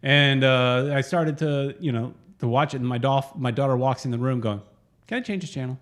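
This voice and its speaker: A man's voice: medium pitch, moderate pace. A middle-aged man co-hosting a casual soccer fan podcast, joking and telling stories. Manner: joking, animated storyteller. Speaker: co-host.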